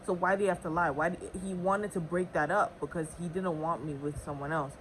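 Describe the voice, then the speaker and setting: A young woman talks through a personal story in a loose, rambling way, restarting sentences and leaning on fillers. Her voice sits on the lower side for a woman. A faint hiss of noise runs under the recording. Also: steady tone, fairly quick, poor audio. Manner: chatty, with many fillers and restarts. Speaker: vlogger. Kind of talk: casual storytime.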